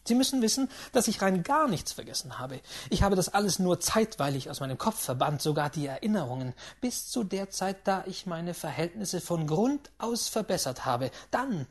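A reader voicing a proud, agitated young gambler who speaks in raised, heated, rapid outbursts in an audiobook. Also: medium pitch, big pitch swings, breathy edge. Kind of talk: audiobook reading.

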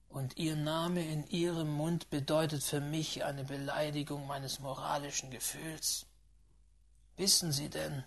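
A reader voicing a reserved, earnest Englishman who speaks in a hushed, half-whispered, measured way in an audiobook. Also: medium pitch. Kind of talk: audiobook reading.

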